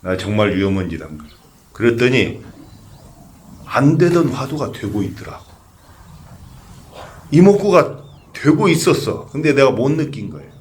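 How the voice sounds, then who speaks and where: A man's voice: on the low side, expressive, normal speed, slight background noise. An older man, a Buddhist monk, giving a conversational sermon that asks the audience questions and tells humorous stories. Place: temple memorial service.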